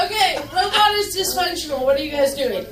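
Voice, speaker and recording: A woman running a tabletop game as game master in a brisk, deadpan manner, recorded from a distance in a noisy convention hall. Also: sits high. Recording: echoey hall, distant mic, crowd noise.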